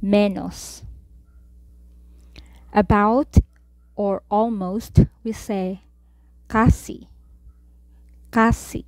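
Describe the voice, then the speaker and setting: A woman tutor teaching a Spanish vocabulary lesson, saying each word and then repeating it slowly for learners. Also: medium pitch, fairly even intonation, dry recording.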